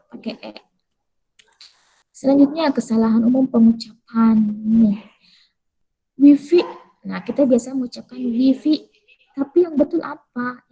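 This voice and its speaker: A woman teaching an English pronunciation lesson in a casual, chatty way, asking questions and then answering them herself while repeating words slowly. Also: a little high, mellow, slightly rough, low-quality recording.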